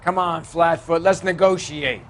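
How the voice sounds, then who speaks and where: A man's voice: on the high side, steady tone, a little slow, close to an everyday voice. A man playing a bitter, volatile American killer in a crime drama video game. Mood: taunting. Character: bitter, cornered male killer, sneering and volatile.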